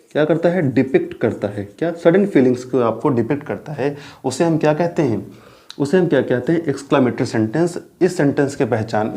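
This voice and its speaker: A man with an Indian accent teaching a grammar lesson. He keeps posing rhetorical questions, answers them himself, and repeats key terms slowly. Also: on the high side, mellow. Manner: mixes English terms into explanations. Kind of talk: classroom grammar lecture.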